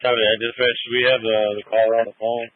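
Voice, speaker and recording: A man's voice: medium pitch, level tone, fast talker, a crowd in the background. A man serving as a fire crew officer, giving terse field reports over a two-way radio transmission. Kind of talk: radio fireground traffic. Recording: noisy, tinny radio line.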